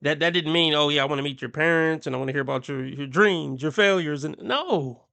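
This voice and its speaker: A fairly high-pitched man with a gravelly, raspy edge runs a reaction commentary. His voice is bright and forceful, and he talks with a mocking tone. He laughs often and puts on voices to quote people. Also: moderate pace. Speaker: commentary channel host.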